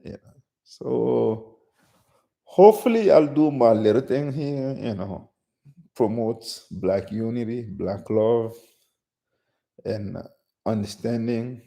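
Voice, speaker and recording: Gravelly low-voiced man from Guinea. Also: mellow. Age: middle-aged. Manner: unscripted, many restarts and "you know". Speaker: channel host. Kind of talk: casual solo live stream.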